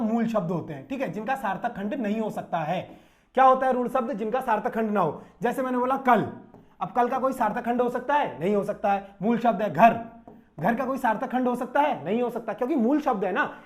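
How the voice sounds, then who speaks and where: A man's voice: extremely high pitch, a little mellow. Man teaching grammar in casual exam coaching. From Uttarakhand, India. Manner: conversational, repeats questions, says "bhai", stretches out syllables. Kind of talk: exam-prep grammar lesson.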